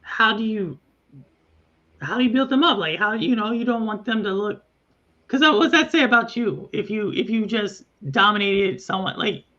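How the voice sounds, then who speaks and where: A guest in a casual talk who speaks reflectively and haltingly, with many fillers. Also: mid-range voice, sharp tone, highs cut off. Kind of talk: casual chat.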